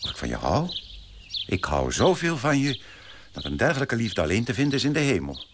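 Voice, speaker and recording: A pompous prim suitor. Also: male voice, wildly swooping pitch, fairly quick, noisy background. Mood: adoring. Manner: pompous, indignant, swoops high when shocked. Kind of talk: radio play acting.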